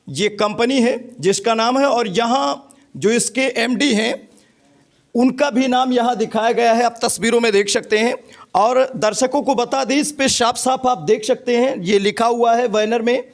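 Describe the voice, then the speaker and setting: A man reporting local news on location from a village panchayat hall, addressing viewers emphatically. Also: extremely high pitch.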